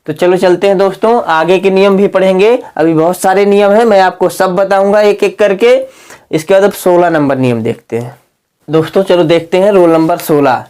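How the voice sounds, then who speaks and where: A man teaching English reading rules in a lesson video. He asks his students rhetorical questions and spells words out slowly, letter by letter. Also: high-pitched, a little mellow, clean tone. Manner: keeps asking the class rhetorical questions.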